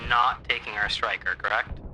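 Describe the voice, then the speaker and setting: A man's voice: fairly low pitch, steady tone, normal speed, heavy background noise. A man speaking over a walkie-talkie during an airsoft game, giving brief, clipped radio replies. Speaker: squad radio operator in an airsoft milsim game.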